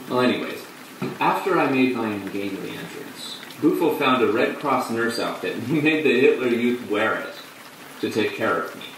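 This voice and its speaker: An actor playing a flamboyant man who tells his story in a halting, breathless theatrical monologue. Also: medium pitch, lively intonation, fairly bright tone, close to an everyday voice. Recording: echoey room, distant mic, faint hum.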